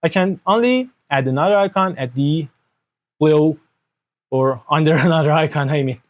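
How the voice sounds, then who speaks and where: With a fairly high-pitched voice at a moderate pace, a young man whose native language is Persian explains a computer procedure step by step. He sits at a desk indoors with an external microphone, recording a screen tutorial, asking "okay?" frequently and using non-native grammar.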